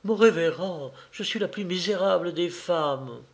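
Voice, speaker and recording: A man's voice: high-pitched, a little slow, vocal fry, voice pushed up. A man voicing a distraught society lady. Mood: anguished. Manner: pleading, confessional. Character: anxious, remorseful society lady, woman.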